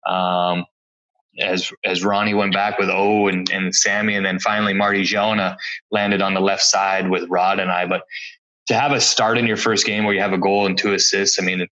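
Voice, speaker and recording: Forties male guest, low and bright, relaxed storyteller with dull lo-fi sound. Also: moderate pace. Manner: easygoing, reminiscing, chuckles between stories. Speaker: former pro hockey player, podcast guest. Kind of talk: relaxed anecdotal interview storytelling.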